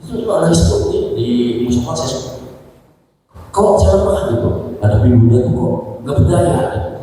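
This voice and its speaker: A man's voice: a little high, expressive, moderate pace, noisy background. An older man in the audience asking a question hesitantly, with many tag words, in a mosque hall. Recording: very echoey hall, far from mic.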